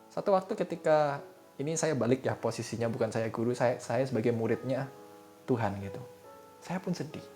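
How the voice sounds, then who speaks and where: Man preaching casually over soft music. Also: medium pitch, expressive, brisk. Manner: casual conversational preaching, addresses listeners as "saudara". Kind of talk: sermon. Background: soft instrumental music.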